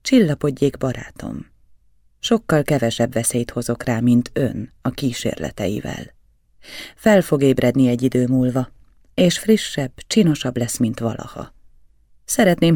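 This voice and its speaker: A man reading as a calm mysterious count. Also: medium pitch, no echo, clean studio sound. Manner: quiet, gentle, measured. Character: calm, mysterious aristocratic man, gentle but firm. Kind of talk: audiobook reading.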